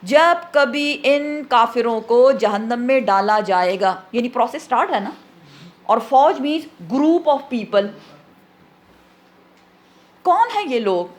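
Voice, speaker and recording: A woman's voice: on the high side, lively intonation, long pauses. A woman explaining Quran verses in a lesson, asking questions and answering them herself, with English words mixed into her speech. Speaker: Quran teacher.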